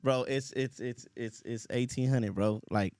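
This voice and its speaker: Telling his story in a relaxed interview, this LA rapper talks in easygoing street slang, peppered with laughs and "you feel me". He has a medium-pitched, darkish voice and a measured pace, captured in clean studio sound with no echo.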